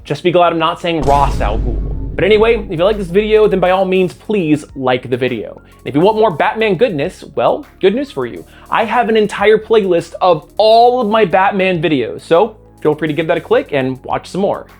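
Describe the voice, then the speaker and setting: A man's voice: high voice, expressive, normal speed, hardly any pauses, a little mellow, faint music behind. An American man hosting a scripted video essay with a sarcastic, self-mocking know-it-all manner. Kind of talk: scripted commentary.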